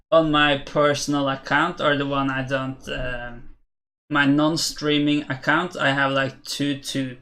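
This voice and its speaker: With a sharp tone and a mid-range voice, this young Norwegian man in his twenties speaks with a Norwegian accent. He's streaming chess, reading chat and answering viewers hesitantly, thinking out loud in a casual way.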